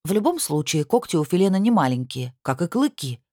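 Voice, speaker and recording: Low-voiced woman narrating an audiobook. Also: very animated, brisk, warm tone, no echo, studio quality. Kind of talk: first-person scripted narration.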